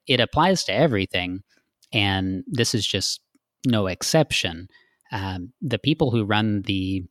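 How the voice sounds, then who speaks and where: A man's voice: lowish voice, a bit bright, dry recording, studio quality. A man from Texas, a guest in a casual interview, explaining earnestly with frequent fillers.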